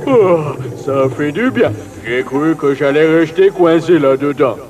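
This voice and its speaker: Theatrical, high-voiced cartoon genie. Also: male voice, expressive, measured pace, recorded from a distance, very noisy. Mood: relieved. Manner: theatrical, servile, declamatory. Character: eager, obedient male genie of the lamp. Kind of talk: children's cartoon voice acting.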